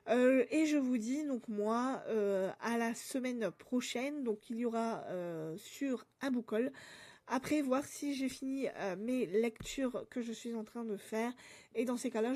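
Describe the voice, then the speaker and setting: A woman vlogger chatting casually about books she received, pausing often with fillers and reading back-cover blurbs aloud. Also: fairly high pitch, warm tone. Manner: hesitant, many fillers and restarts; reads book blurbs aloud. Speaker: book vlogger. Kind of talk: casual book haul chat.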